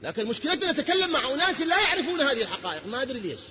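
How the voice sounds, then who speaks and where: A man delivers a religious lecture in a high, swinging voice that rises and drops constantly. He talks quickly and throws rhetorical questions at his listeners. The recording is muffled, with a long hall echo behind him. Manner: animated, rhetorical questions to the audience. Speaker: preacher. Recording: dull sound with long hall reverb.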